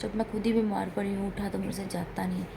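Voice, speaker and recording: Speaking directly to the camera in a casual home vlog, an Indian woman describes being sick and in pain. Her mid-range, gravelly voice moves quickly in a flat, plain, complaining way with little variation in pitch, and she talks straight. Background noise includes an air conditioner humming loudly in the room.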